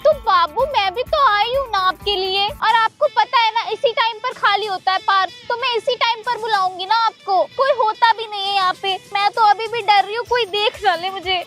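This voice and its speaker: A woman's voice: very high-pitched, normal speed, hardly any pauses, a bit bright, soft background music. A woman voicing a sweet, clingy young girlfriend who talks in a doting, sugary way in a comedy sketch.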